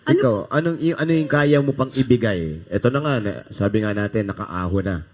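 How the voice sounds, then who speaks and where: A man hosting a TV variety show, asking halting, probing interview questions. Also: mid-range voice, lively intonation, darkish tone.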